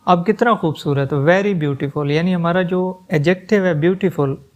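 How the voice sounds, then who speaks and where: Slow, measured male grammar teacher. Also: sits high. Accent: Urdu-influenced Hindustani. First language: Urdu. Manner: explains slowly, reads English examples very slowly then translates. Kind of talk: grammar lesson.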